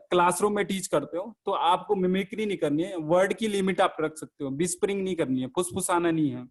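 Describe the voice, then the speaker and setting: A man teaching an online class, explaining step by step and asking and answering his own questions while mixing in English terms. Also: fairly high pitch. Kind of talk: online lecture on classroom communication.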